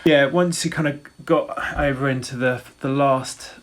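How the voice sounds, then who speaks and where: A man's voice: mid-range voice, fairly even intonation, unhurried. A man in his forties giving a casual race report, rambling with frequent restarts and fillers. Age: 40s. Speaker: ultrarunner vlogger.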